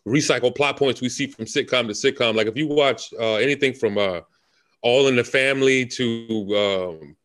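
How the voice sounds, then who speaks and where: Give me a man co-host who hesitates and fills pauses as he chats. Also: medium pitch, fairly bright tone. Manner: hesitant, many filler sounds. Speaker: podcast co-host. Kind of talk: casual chat.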